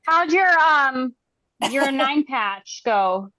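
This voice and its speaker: A woman in a casual sewing chat on a video call, reacting with quick exclamations and teasing questions. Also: sits high, expressive, pushed and bright, no echo, low-quality recording.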